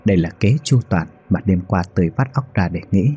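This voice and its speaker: A man calmly narrating a ghost story in a measured, scripted way. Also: low-pitched, slightly rough.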